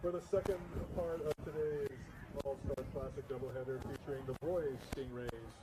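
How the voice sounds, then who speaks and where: A man working as stadium announcer, introducing players over a public address in a steady, formal cadence. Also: medium pitch, moderate pace. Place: outdoor soccer field. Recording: loud outdoor noise.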